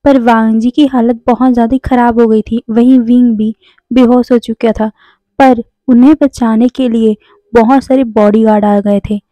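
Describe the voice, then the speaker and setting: A woman's voice: on the high side, dark tone, no room sound, poor audio. A woman narrating a serialized story in a casual, conversational way, mixing in English words and correcting herself as she goes.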